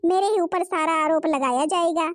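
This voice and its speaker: A woman voicing a cruel, bossy stepmother in an animated cartoon, scolding and threatening. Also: extremely high pitch, normal speed, dry recording.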